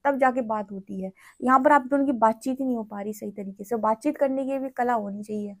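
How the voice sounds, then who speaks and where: A woman with a somewhat high voice gives a tarot reading. She talks in a gentle, explanatory way and keeps checking in with her listener as she goes. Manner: gentle, explanatory, repeats "theek hai". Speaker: tarot reader. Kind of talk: spiritual reading to camera.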